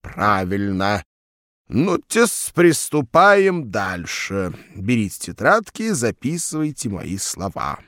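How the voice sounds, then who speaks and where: A man voicing a pompous, blustering lecturer who hems with drawn-out fillers. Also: on the low side, sing-song, a bit bright, no echo, studio quality, exaggerated voice. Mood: lecturing. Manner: hemming with drawn-out "uh" fillers, bossy. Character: pompous blustering male lecturer, middle-aged.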